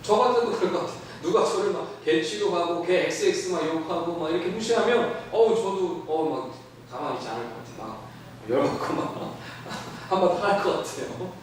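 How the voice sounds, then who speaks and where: High, lively male pastor, sermon in an echoey sanctuary, mic set at a distance. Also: fairly quick, slight background noise. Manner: animated, acts out quoted voices, asks the congregation questions. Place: church sanctuary.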